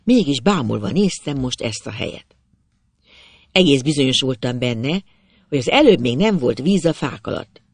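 A man narrating a literary story in the first person, with measured, expressive storytelling. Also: mid-range voice, breathy edge, dry recording.

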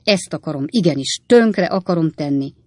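An audiobook reader voicing a hot-tempered old gentleman who rages and blusters at the people around him. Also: medium pitch, expressive, no room sound, clean studio sound, close to an everyday voice. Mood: furious. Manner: angry, blustering, loud.

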